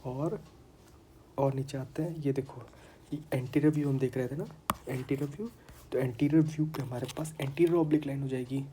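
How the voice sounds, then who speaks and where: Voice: medium pitch, fairly even intonation, fairly quick, warm tone, slight background noise, low-quality recording. An anatomy tutor with a sore throat, giving a casual online lecture in a chatty way and repeating terms for students.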